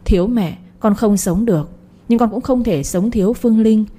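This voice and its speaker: A woman's voice: mid-range voice, normal speed, lightly acted. A woman voicing a pleading devoted son. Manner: pleading, soft-spoken.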